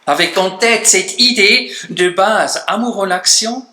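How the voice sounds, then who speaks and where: High-voiced preacher in echoey church. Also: male voice, unhurried, bright, forceful tone. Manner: emphatic, drops low at phrase ends. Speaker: pastor. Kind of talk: sermon. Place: church hall.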